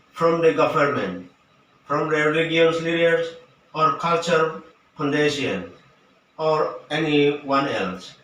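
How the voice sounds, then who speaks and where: A man gives a prepared talk in English, halting and full of fillers, at an unhurried pace. He sits some distance from the microphone in a very reverberant room, with a faint hiss behind him. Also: a little high, fairly bright tone. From Papua, Indonesia. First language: Western Dani. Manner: halting, with frequent fillers and broken phrasing. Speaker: dictionary writer and language activist. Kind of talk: prepared talk for an online event. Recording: roomy, far-off mic with faint noise.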